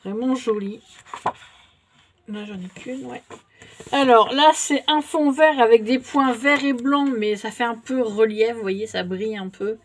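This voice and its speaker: A woman's voice: on the high side, steady tone, a little slow, slight background noise. A French-speaking woman chatting casually to her viewers while showing a shopping haul, with many fillers and little hesitations. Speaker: haul vlogger. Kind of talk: casual show-and-tell haul.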